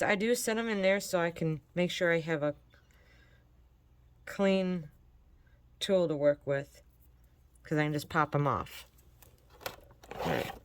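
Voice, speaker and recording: Working through a casual crafting tutorial, a Michigan woman who hosts a crafting channel talks in a chatty, friendly, encouraging way. Her lowish voice is a bit congested from allergies, and the audio is dry and close-miked with no room sound.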